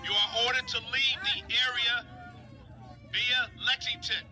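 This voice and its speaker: A police officer making a stern, clipped dispersal announcement, blasted through a loudspeaker sound cannon outdoors. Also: male voice, extremely high pitch, flat delivery, unhurried, some chatter behind. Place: outdoors at a street protest.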